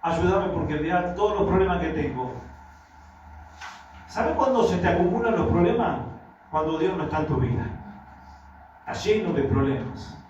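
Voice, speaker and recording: A man's voice: sits high, animated, moderate pace, long pauses, darkish tone, heavy reverb, distant mic, highs cut off, a little hiss or hum. A man with an Argentine accent preaching a sermon, telling stories with quoted dialogue and asking the congregation rhetorical questions. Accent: Argentine Spanish. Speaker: pastor. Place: church hall.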